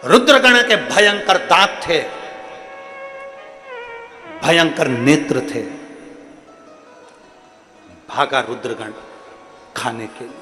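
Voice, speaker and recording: A male religious storyteller giving a live devotional sermon, swinging dramatically between loud and soft. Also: medium pitch, expressive, drawn-out words, pauses often, soft background music. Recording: echoey live hall with long reverb.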